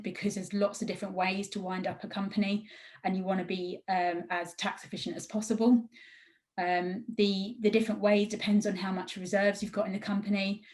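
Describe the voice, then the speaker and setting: A woman's voice: mid-range voice, a little mellow. A woman giving an explanatory webinar presentation as a professional adviser. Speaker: guest speaker, professional adviser.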